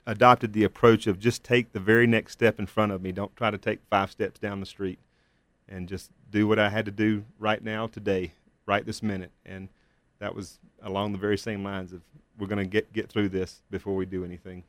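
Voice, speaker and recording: A man as an interview guest and father, telling his story in a measured, candid way with hesitant fillers. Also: lowish voice, level tone, no room sound. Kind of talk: reflective personal testimony.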